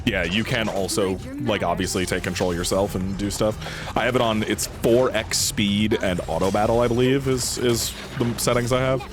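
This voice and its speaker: A man's voice: fairly low pitch, fairly even intonation, normal speed. A man hosting a live game stream with casual commentary, speaking in a blunt, informal, sweary way. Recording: game music behind the voice. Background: game music.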